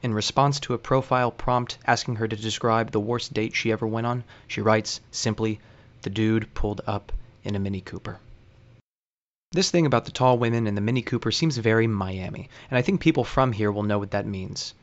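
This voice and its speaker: Dry, wry low-voiced male host. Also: brisk, dull audio. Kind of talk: scripted narration.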